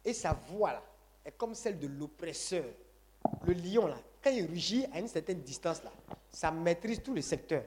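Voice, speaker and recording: A man's voice: a little high, expressive, moderate pace, darkish tone, slight background noise. A man preaching a sermon to a congregation, emphatic and repetitive, calling on the audience to say amen. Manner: call-and-response, asks congregation to say Amen; emphatic, repeats phrases.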